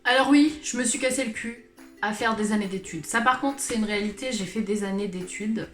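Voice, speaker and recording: In an echoey room with music beneath her, a self-mocking young woman in her late twenties speaks briskly at a medium pitch. Born in Switzerland into a Portuguese family, she's a vlogger and channel host giving a casual, colloquial confessional chat to camera, wandering off track with sighs and laughs.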